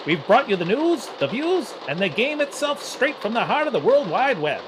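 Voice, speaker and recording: A man's voice: very high-pitched, very animated, moderate pace, noisy background, voice pushed up. A man putting on a 1940s newsreel announcer voice, with a showy transatlantic radio cadence. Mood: grandiose. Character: male 1940s newsreel announcer, grand and brisk. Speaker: podcast host. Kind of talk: old newsreel announcer delivery.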